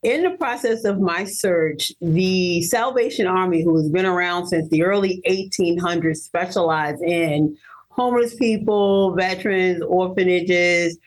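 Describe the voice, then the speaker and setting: A woman in her fifties from Maryland, a guest telling her personal story in an earnest, animated way, laughing easily. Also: lowish voice, measured pace, low-quality recording. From Baltimore, Maryland, US. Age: 50s. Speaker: interview guest.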